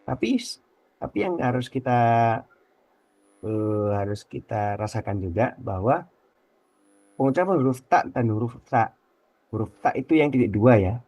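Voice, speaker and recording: A man with an Indonesian accent teaching Quran recitation on a radio program, explaining patiently and repeating letter sounds slowly as examples. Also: mid-range voice, lively intonation, no room sound, dull audio. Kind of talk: radio tajwid lesson. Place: radio studio.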